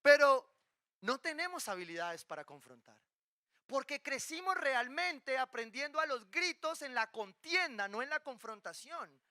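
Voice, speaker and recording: A male pastor delivers a sermon with a high, very bright and sharp voice. He keeps it lively, tossing rhetorical questions to the congregation and slipping in playful asides. The sound is dry and close, with little room around it. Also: measured pace, dry recording. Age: adult, married with children.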